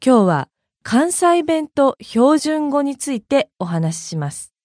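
A woman from Hyogo, Japan, hosts an audio blog and reads a scripted language lesson. She explains each point clearly, with a fairly high voice and a very animated pitch. The sound is dry and close to the mic. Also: slow, no room sound. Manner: clear, explanatory, reading examples aloud.

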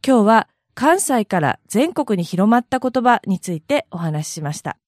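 A woman from the Kansai region hosting an audio blog, reading a prepared explanatory script in a measured way. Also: medium pitch, sing-song, darkish tone, no room sound, clean studio sound. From Kansai, Japan.

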